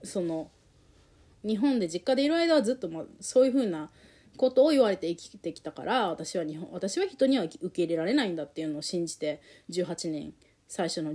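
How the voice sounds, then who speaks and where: A woman tells a personal story, her pitch swinging widely as she grows emotional. Her voice is mellow and soft-edged. She talks candidly and reflectively, with many fillers and pauses. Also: slightly rough.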